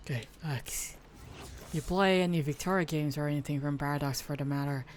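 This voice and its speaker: A man's voice: on the high side, fairly quick, slight background noise. A man from the Philippines streaming a game, rambling and joking, swearing and laughing at a desk mic. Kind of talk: casual gameplay commentary.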